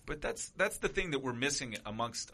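A man's voice: medium pitch, sing-song, moderate pace, sharp tone. A man in casual chat, speaking emphatically with plenty of swearing. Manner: emphatic, preachy, heavy swearing.

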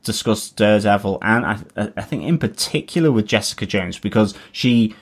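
A man's voice: fairly low pitch, animated, a little fast, breathy edge. A man, co-hosting a casual chat and working through his thoughts with many restarts. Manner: hesitant, restarts often, thoughtful. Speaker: podcast co-host.

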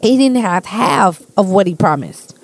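A woman co-hosting a casual chat, telling a story with emphatic, animated, profane delivery. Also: medium pitch, measured pace, creaky.

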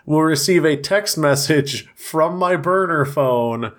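A young man riffing on his podcast with dry, deadpan jokes. His voice sits a touch high and still sounds worn after a week of laryngitis. Casual, joking chat between co-hosts. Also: takes it slowly. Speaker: podcast co-host.

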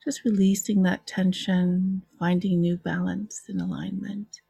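A woman leads a guided relaxation in a soft, soothing manner. Her voice is mellow and very slow, with long pauses between phrases. The sound is close and dry. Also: mid-range voice, flat delivery, vocal fry, husky, no echo. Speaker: interview guest, author and hypnotherapy practitioner.

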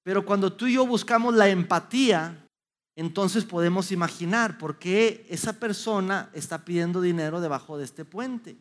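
A middle-aged man gives a motivational talk to an audience. He tells stories in an animated way, with many restarts. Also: high voice, normal speed. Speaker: youth speaker.

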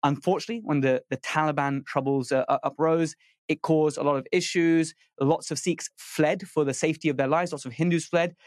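A man's voice: on the high side, steady tone, brisk, no echo, studio quality. A man, a dentist talking as a podcast guest, fluent but full of fillers and restarts. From United Kingdom. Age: 30s. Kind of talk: casual podcast conversation.

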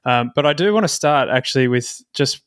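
A man's voice: medium pitch, lively intonation, a little fast, no room sound, clean studio sound. A man hosting a podcast, asking interview questions in an easygoing, encouraging way. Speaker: podcast host.

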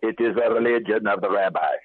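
A man's voice: lowish voice, fairly quick, no echo, lightly acted. A man quoting an indignant old rabbi, over a phone line. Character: angry older male rabbi, indignant.

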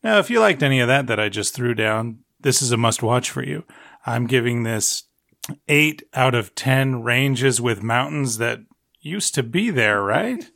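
Man, podcast co-host, wry, easygoing, mid pitch, dry sound. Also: a little slow, vocal fry, fairly bright tone, dry recording. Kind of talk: casual review chat.

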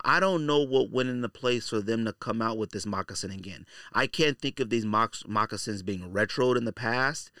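This podcast host has a low-leaning voice delivered in a pushed, bright way, recorded at studio quality without echo. He riffs casually with strong opinions in colloquial slang, hammering points by repeating phrases.

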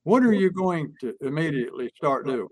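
A man's voice: fairly high pitch, animated, a little fast, a little mellow, no echo. A man explaining a point in casual conversation, using folksy stories and acted-out examples. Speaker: sales and persuasion speaker. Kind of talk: conversational teaching chat.

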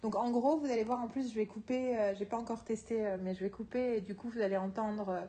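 A woman co-hosting a casual podcast chat who laughs often and talks in a lively, quick way. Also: on the high side. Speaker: podcast co-host and screenwriting teacher.

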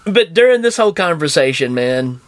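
A man's voice: on the high side, normal speed, no echo. A man co-hosting a podcast, chatting casually and jokily about a bad movie, acting out scenes as he goes. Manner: jokey, animated, acts out scenes. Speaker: podcast co-host.

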